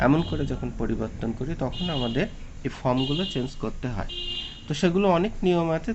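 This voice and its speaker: A man teaching a grammar lesson in a patient way, going over each rule and repeating the examples. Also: medium pitch. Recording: muffled lo-fi audio with background hiss.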